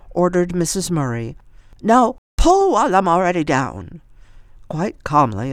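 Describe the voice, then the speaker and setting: An audiobook narrator reading a novel aloud with expressive storytelling. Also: mid-range voice, no room sound, studio quality.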